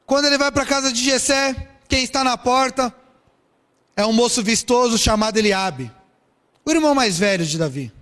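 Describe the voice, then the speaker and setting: High-voiced preacher in a reverberant hall. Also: male voice, normal speed. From São Paulo, Brazil. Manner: lively storytelling preaching with rhetorical questions. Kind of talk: sermon.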